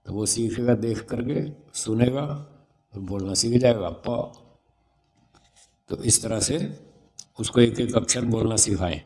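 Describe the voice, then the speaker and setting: A man's voice: on the low side, mellow. A man speaking as a swami and spiritual teacher, giving a religious discourse on raising children, explaining patiently and sounding out syllables to demonstrate them.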